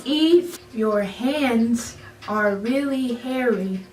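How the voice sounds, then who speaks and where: A woman's voice: fairly high pitch, drawn-out words, darkish tone, far from the mic. A woman in casual, playful chat, giggly as she says short phrases in a game. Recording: echoey room with music behind.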